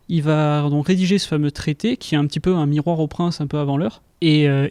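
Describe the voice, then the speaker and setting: A young man, a junior researcher, explaining his work in an interview in a measured, slightly hesitant way. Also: on the high side, warm tone, dry recording. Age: young adult. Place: research institute room.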